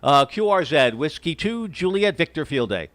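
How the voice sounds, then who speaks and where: A man's voice: on the high side, very animated, normal speed, background noise. A courteous, hesitant man operating an amateur radio station, spelling out call signs in phonetics.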